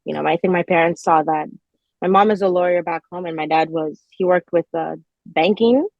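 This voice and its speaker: She's a fashion designer in her twenties, Nigerian by birth and largely Canadian-raised, talking casually in a podcast interview. Her lowish voice moves briskly, captured in lo-fi sound with no room sound.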